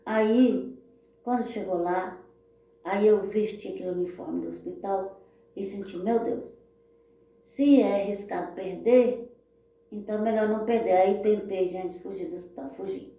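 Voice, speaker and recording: A woman's voice: mid-range voice, unhurried. Woman telling her story in an echoey room. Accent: Brazilian Portuguese. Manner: heartfelt, repetitive, often turning to listeners with "gente" and "né". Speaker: storyteller sharing her life. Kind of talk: personal storytelling. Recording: very echoey, dull lo-fi sound.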